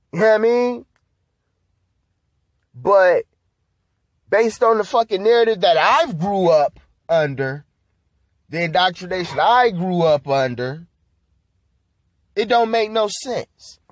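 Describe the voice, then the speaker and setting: A man's voice: sits high, dry recording. Heated profane man, dry close mic. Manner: heated, profane, street slang. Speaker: podcast host. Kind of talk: casual political commentary monologue.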